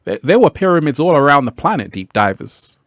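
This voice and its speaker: Hosting a live stream, this man speaks a little fast in a slightly high, very animated voice, casually reading viewer comments and chatting back. He laughs often and says things over again, all in clean studio sound with no echo.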